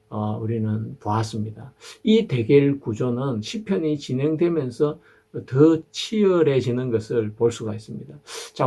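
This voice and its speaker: A man in his sixties, a pastor delivering an earnest sermon, asking his listeners questions and pausing on fillers. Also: medium pitch, gravelly, mellow, breathy edge. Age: 60s.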